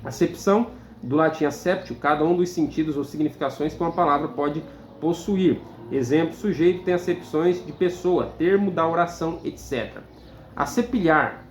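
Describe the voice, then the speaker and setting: A Brazilian man, a teacher, reading dictionary definitions aloud in a measured, list-like way with hesitant "é" fillers. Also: on the high side. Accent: Brazilian Portuguese. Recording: echoey room, faint background noise.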